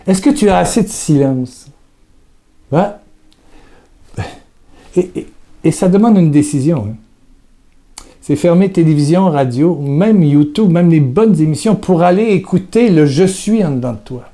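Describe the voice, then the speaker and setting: Mellow-voiced man giving a hesitant devotional talk. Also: on the high side, animated, unhurried, pauses often. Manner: hesitant, repeats words, speaks intimately to the listener.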